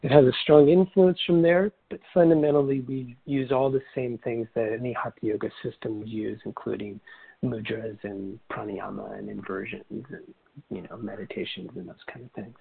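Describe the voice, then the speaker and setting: Brief: forty-nine-year-old man, husky, reflective and halting, dry phone-line sound. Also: medium pitch, steady tone. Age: 40s. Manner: reflective, halting, many restarts and fillers. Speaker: yoga teacher and Ayurvedic doctor. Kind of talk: interview answers.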